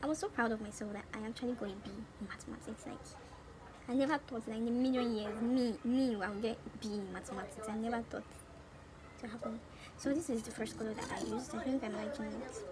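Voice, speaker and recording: A woman's voice: fairly high pitch, steady tone, a little fast, a crowd in the background. A woman in her twenties with a Nigerian accent, chatting casually and animatedly as a beauty vlogger. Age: 20s. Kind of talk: casual chat during a makeup tutorial. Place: small room at home. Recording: noticeable background noise.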